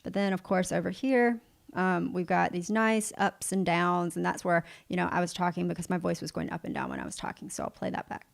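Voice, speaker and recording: A woman giving a livestream software tutorial, upbeat and encouraging, talking straight to the viewer as she walks through each step. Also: lowish voice, fairly even intonation, a little fast, creaky. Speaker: video editing instructor.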